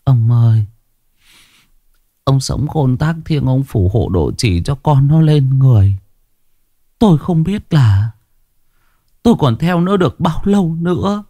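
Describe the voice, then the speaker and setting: A man's voice: medium pitch, very animated, a little slow, long pauses, warm tone, dry recording, studio quality, voice pushed up. A man voicing a frail grey-haired old mother who stammers and begs for her son. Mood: quiet prayer. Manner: stammering, begging, repeating words.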